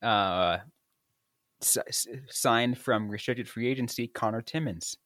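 A man hosting a casual sports podcast, talking in halting bits with many restarts. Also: medium pitch, fairly bright tone, no echo. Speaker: podcast host. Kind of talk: casual chat.

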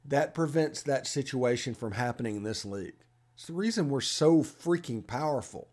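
A man's voice: mid-range voice, expressive, normal speed, a little mellow. A man who hosts a sports podcast, giving emphatic opinions and reading an ad. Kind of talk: opinionated sports talk and host-read ad.

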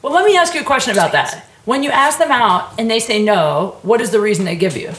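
A woman's voice: on the high side, expressive, fast talker, fairly bright tone, echoey room. A woman chatting casually and candidly in informal, slangy language, with lots of "like".

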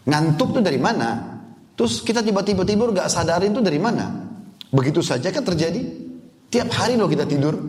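A man's voice: on the high side, a little mellow. Man preaching in an echoey hall. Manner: earnest, rhetorical questions to the audience. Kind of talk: sermon.

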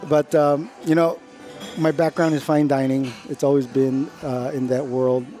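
A middle-aged man, a chef, talking about his restaurant in a relaxed, unhurried way with lots of fillers. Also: mid-range voice, music in the background. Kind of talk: casual interview chat.

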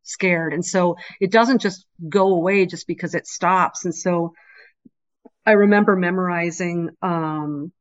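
Middle aged lady guest on a dull call line, kinda low voice, telling her faith story earnestly. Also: a little slow. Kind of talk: conversational testimony and teaching. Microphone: remote call connection. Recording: dull, band-limited remote call.

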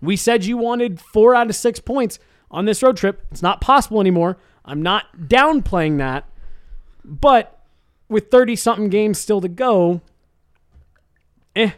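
High-voiced man talking hockey, dry sound. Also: expressive, a little slow, long pauses, clear, resonant tone, dry recording. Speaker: sports talk show co-host. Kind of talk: casual sports chat.

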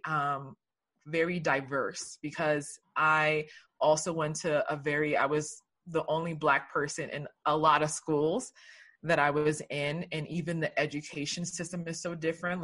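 A woman's voice: low-pitched, fairly bright tone. A woman from Liberia, a guest telling her story in an earnest, reflective way during a casual conversation.

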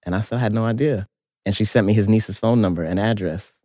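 An archaeologist in conversation, a man recounting his experiences earnestly and thoughtfully. His voice is on the low side. The sound is dry and close to the mic. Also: quick pace, warm tone, no room sound. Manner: earnest, reflective storytelling. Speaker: archaeologist interviewer. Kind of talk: reflective interview conversation.

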